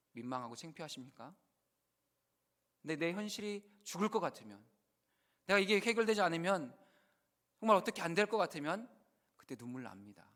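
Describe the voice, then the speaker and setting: A male pastor preaching a sermon, earnest, rising to loud emphasis and dropping to hushed, quoted prayers. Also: a little high.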